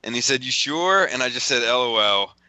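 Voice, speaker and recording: Podcast guy rambling thru a story, laughs a lot, bright voice, dry close mic. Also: medium pitch, animated, fairly quick, smooth, no echo. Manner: rambling storyteller, laughs often, retells texts with swearing. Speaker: podcast host. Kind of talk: casual chat.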